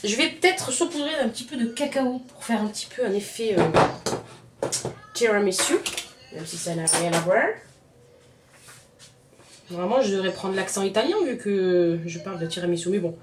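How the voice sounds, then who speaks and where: Heavy background noise surrounds a mid-range female voice with lively intonation, a moderate pace, and long pauses. She's a home cook with a Southern French accent, casually demonstrating a recipe in her kitchen, addressing viewers head-on and often repeating words.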